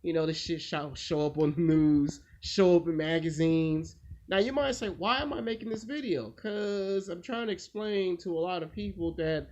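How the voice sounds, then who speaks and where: Hosting his own video, this man talks at a moderate clip with few pauses, his high voice carrying a darkish tone. His crude story wanders in a blunt, offhand way, with the quoted lines acted out. Sound quality is dull and lo-fi, with a faint background hiss.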